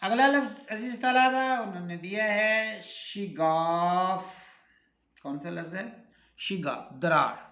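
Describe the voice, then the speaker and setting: A man with an Urdu accent teaching a vocabulary lesson, going through the words slowly and deliberately and repeating each pair. His voice sits high and comes across bright and a little tense. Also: highs cut off. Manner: slow, deliberate, repeats each word and its meaning. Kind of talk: classroom lesson on synonyms.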